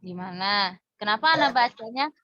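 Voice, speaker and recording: A woman teaching Arabic reading in a casual, patient way, explaining step by step with quick asides over a phone. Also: mid-range voice, lively intonation, a bit bright, no room sound, highs cut off.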